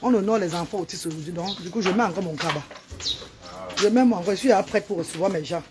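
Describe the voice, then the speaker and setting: A woman's voice: fairly low pitch, fast talker, background noise. A woman hosting a casual live stream at a charity event, chatty and calling out praise and instructions.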